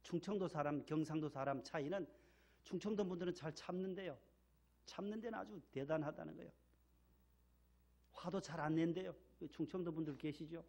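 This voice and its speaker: A man's voice: on the high side, brisk, darkish tone. A man from the region of Korea, a pastor, delivering a sermon in a church and stressing key words by repeating them. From Gyeongsang region, Korea. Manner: emphatic, repeats key words, leads call-and-response. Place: church sanctuary.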